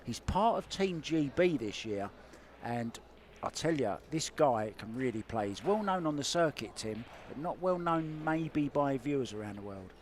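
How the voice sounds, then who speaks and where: Chatty male play-by-play voice for a pool broadcast, mid-pitched, faint room hum behind. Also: expressive, normal speed, few pauses. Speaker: play-by-play commentator. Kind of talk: live sports commentary.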